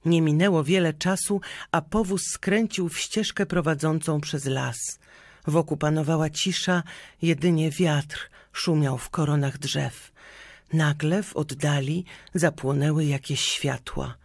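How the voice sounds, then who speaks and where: A man reading a folk legend aloud in a slow, measured manner. His voice sits a little high. The sound is dry and close, with no room around it. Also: steady tone, no room sound. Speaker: narrator.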